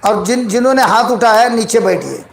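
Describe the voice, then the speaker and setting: High-voiced preacher in echoey hall. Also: male voice, animated, moderate pace, vocal fry. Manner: exhorting, laughing, leads call-and-response. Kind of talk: charismatic sermon leading prayer. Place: large hall with congregation. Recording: echoey hall with crowd noise.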